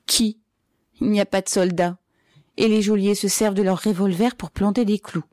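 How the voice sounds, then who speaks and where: Woman reader playing a fervent young man: raised, excited and insistent, for a storybook. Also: mid-range voice, moderate pace, no room sound, clean studio sound, pitched above the performer's own voice, close to an everyday voice. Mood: eager urgent. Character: eager pockmarked young man, fervent plotter.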